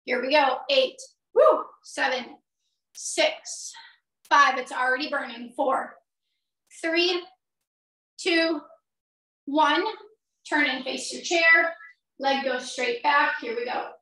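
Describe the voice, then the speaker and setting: A middle-aged woman works as an aerobics instructor, giving energetic cues and counts as she exercises along. Her voice is high and bright, with unhurried, spaced-out phrasing. She is teaching a workout from a small room. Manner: energetic aerobics-instructor cueing, exerting while demonstrating. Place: small indoor home gym. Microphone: far camera a few metres away. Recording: roomy echo, distant microphone.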